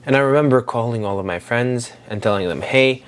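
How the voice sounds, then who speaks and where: Speaking fairly quickly in a mid-range voice, a Syrian-born daily vlogger in his twenties reflects on his life. His rambling speech is full of fillers and restarts.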